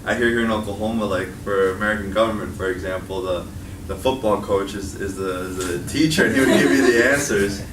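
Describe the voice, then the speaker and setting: A young man with a Chicago accent gives a casual guest talk to college students in a college meeting room. His voice is lowish and brisk, and he keeps it conversational, often tagging his points with "right?". The recording is noisy and echoey, picked up from far off.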